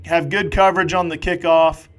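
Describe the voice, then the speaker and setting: A man doing live play-by-play football commentary, excitable and jokey with rambling asides. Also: on the high side, normal speed.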